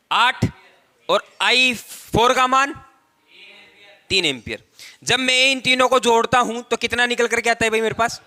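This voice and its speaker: A man's voice: very high voice, bright, forceful tone. A male tutor giving a lecture, explaining step by step and repeating key phrases, stretching out words for emphasis. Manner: explanatory, repetitive, drawn-out stressed words. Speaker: technical tutor. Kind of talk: classroom lecture at a whiteboard.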